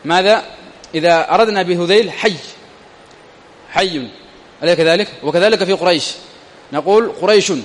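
Man teaching grammar in an echoing hall. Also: high-pitched. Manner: reads a text aloud slowly, then explains and quizzes students. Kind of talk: classroom grammar lesson. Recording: long hall reverb.

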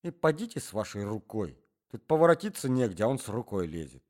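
Brief: jealous young man, hushed and clipped, read by a man. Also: lowish voice, very animated, brisk, voice pushed up. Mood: hushed tense. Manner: whispering, terse.

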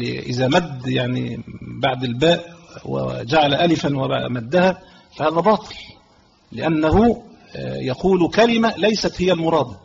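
Egyptian sheikh explaining a fiqh text. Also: male voice, a little high, creaky. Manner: reads a line of the text, then explains it slowly with repetition. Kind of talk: religious lesson explaining a book. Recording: slightly dull audio with faint background noise.

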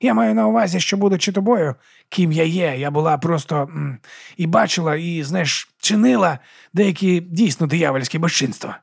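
A man's voice: fairly high pitch, moderate pace, creaky, breathy edge, pitched above the performer's own voice. Man doing a crude rambling woman warrior. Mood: cheeky. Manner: blunt, swearing, chatty.

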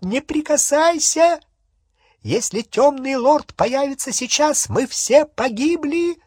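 A male audiobook reader voicing a shrill, fanatical female dark witch who shrieks and hisses. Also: very animated, takes it slowly, slightly rough, no echo, clean studio sound, full character voice. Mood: shrieking. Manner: shrieking, hissing.

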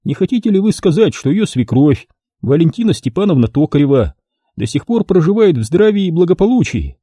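A nervous crooked photographer from an audiobook thriller, read by a man barks and hisses short orders. The voice runs high and lively, husky and very dark in tone, with a dry, close sound. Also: brisk, no room sound. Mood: curt. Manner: curt, hissing, commanding. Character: nervous, curt male photographer hitman broker.

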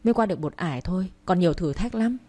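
A woman reading the part of a shrewd, protective elder sister-in-law who speaks in a brisk, bossy way. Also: fairly low pitch, lively intonation, warm tone.

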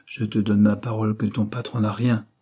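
A man's voice: on the low side, little pitch movement, fairly quick, dark tone, husky. A man reading aloud, voicing a confident male detective who speaks in a reassuring tone. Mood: assured. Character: calm, assured male detective.

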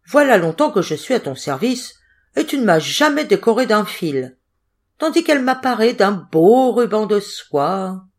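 A woman's voice: mid-range voice, sing-song, unhurried. Talking birch tree, resentful, complaining, woman reader.

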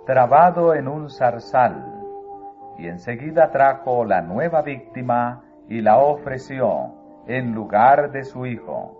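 A man reading a religious book aloud as narrator, in a solemn, measured way. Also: medium pitch, big pitch swings. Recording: phone-like narrow sound, faint music.

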